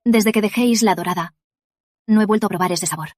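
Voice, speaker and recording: An actress voicing a young woman lead who narrates her memories in a soft, wistful inner monologue. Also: mid-range voice, quick pace, no echo, studio quality, lightly acted. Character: reflective young woman recalling her past. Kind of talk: dubbed drama narration.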